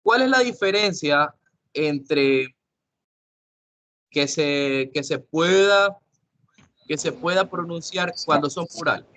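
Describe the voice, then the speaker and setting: Bright-voiced male teacher explaining patiently. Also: fairly high pitch, animated, takes it slowly, long pauses. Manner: patient, repeats and asks the class questions. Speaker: English teacher. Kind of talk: online class lesson.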